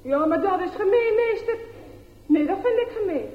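A woman's voice: very high-pitched, expressive, moderate pace, pitched above the performer's own voice. A woman voicing a group of taunting, jealous schoolchildren in a children's story. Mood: indignant. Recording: echoey, dull lo-fi room recording.

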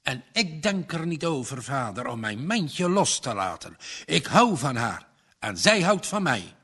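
A man voicing a farmer's earnest young son who stays calm and firm. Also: medium pitch, a little slow, husky, exaggerated voice. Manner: steady, earnest.

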